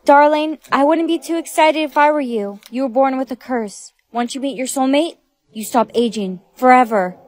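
Young woman, comedy skit actor, high voice, blunt and teasing. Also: normal speed, no echo. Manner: plays many roles, teasing and blunt.

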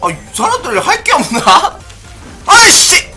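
A man giving playful let's-play commentary on a racing game, often shouting excitedly. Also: high voice, moderate pace, soft background music. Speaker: gaming streamer.

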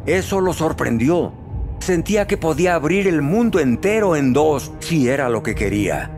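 A man's voice: a little high, big pitch swings, normal speed, darkish tone. Man narrating a fantasy audiobook. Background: faint music.

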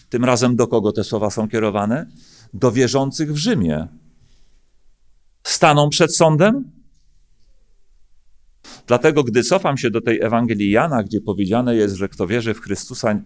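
A middle-aged man from Poland, a pastor, preaching a sermon at a lectern, with earnest emphatic questions and frequent hesitant fillers. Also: lowish voice. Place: church hall stage at a lectern. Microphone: lectern microphone.

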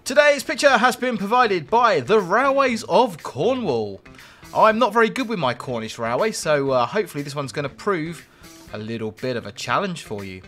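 Male stream host, chatty and jokey, fairly high, lively pitch. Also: moderate pace, faint music behind. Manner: chatty, jokey, rambling asides to chat. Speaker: live-stream host and train driver. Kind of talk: live-streamed gameplay commentary.

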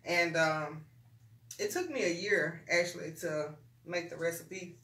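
A woman's voice: lowish voice, a little slow, fairly bright tone, a little hiss or hum. A woman in her forties, a guest soap maker, talking easily about her background with many "you know"s. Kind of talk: casual interview. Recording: echoey room, mic at a distance.

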